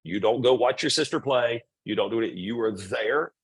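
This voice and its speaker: A man's voice: mid-range voice, normal speed, breathy edge. A middle-aged man presenting to volleyball parents, blunt and repetitive, acting out quoted remarks. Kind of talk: parent orientation talk.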